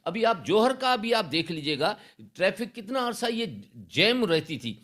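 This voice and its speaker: A man's voice: sits high, big pitch swings, a bit bright. A man speaking as an election candidate in an interview, assured and persuasive. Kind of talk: interview answers.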